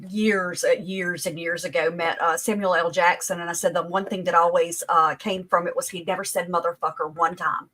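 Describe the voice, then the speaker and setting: A woman's voice: lowish voice, steady tone, normal speed, hardly any pauses, a bit bright, rough recording. Wry chatty woman co-host. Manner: wry, chatty, laughs at own story. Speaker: podcast co-host. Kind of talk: casual chat.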